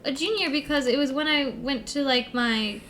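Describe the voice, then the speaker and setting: A woman's voice: high voice, moderate pace, fairly bright tone, slight background noise. A young woman chatting casually as a livestream co-host, with a cute, bubbly anime-streamer delivery.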